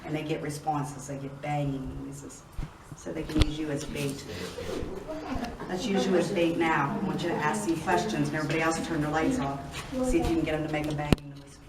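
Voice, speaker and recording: Brisk and steady, a middle-aged Appalachian woman with a low voice loudly tells stories while leading a group on a night tour. The setting is an old prison's large empty rooms, recorded distantly with echo and noise.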